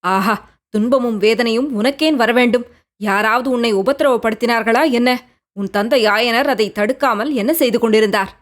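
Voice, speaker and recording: A woman's voice: a little high, moderate pace, close to an everyday voice. A woman reading a tender young prince. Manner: gentle, pleading, questioning. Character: young prince, tender, coaxing, devoted lover. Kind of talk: audiobook character reading.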